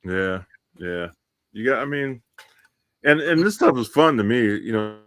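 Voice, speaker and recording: A man co-hosting a live survival podcast over a remote call, giving steady, matter-of-fact tips with frequent fillers. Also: mid-range voice, a little slow. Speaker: podcast co-host. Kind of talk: casual live-stream chat. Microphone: remote call connection.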